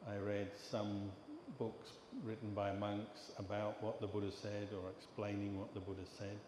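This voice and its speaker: Older English monk in a reverberant hall. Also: male voice, lowish voice. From England. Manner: calm, measured storytelling with pauses. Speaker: Buddhist monk teacher. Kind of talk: dharma talk. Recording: echoey hall with long reverb and background noise.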